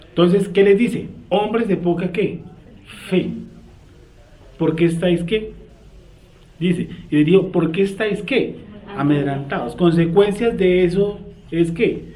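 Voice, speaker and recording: A Colombian man with a slightly high, dark-toned voice leads a Bible study class, quizzing his students by asking questions and leaving sentences unfinished for them to complete. The room sounds spacious, with faint background noise.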